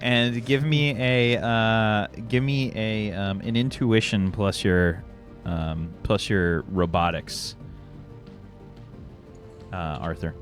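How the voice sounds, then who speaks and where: Halting, low-voiced man as game master. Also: soft background music. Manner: hesitant, halting, searching for words. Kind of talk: casual tabletop game refereeing.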